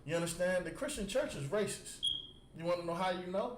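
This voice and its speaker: His voice high and his pace a little fast, a man teaching religion preaches to a street crowd with call and response. He hammers points home by repeating words and keeps checking "You understand?" nearly every time. The recording is echoey, with faint noise behind.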